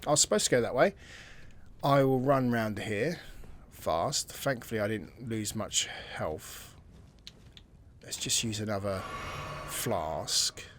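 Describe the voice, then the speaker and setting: A man's voice: lowish voice, expressive, slow pace, long pauses, fairly bright tone, slight background noise. A man giving casual, chatty commentary while he plays a video game, thinking aloud and reading tutorial text as he goes. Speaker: gaming channel host.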